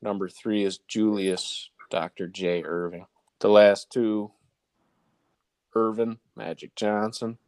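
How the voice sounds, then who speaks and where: Low-voiced man reading a countdown list. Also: fairly even intonation, takes it slowly, darkish tone, smooth, dry recording. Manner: announces each ranked number, then the name. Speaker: sports talk show panelist presenting a list. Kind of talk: top ten countdown of sports nicknames, read out casually to co-hosts.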